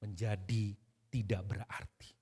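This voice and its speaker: A male pastor, preaching a sermon in a conversational, animated way that builds into emphatic outbursts. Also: fairly low pitch, measured pace, husky. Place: church service. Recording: long reverb of a church hall.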